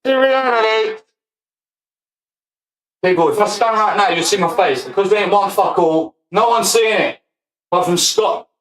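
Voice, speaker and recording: High-voiced ranting man, echoey room. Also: expressive, fairly bright tone. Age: 40s. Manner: profane, ranting, quick to laugh. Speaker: streamer. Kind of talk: livestream rant.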